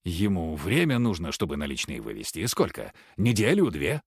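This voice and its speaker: A man voicing a frail, meek old husband with a hoarse, low, quiet voice. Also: big pitch swings, moderate pace, no echo, clean studio sound, heavily acted. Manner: quiet, timid, pleading.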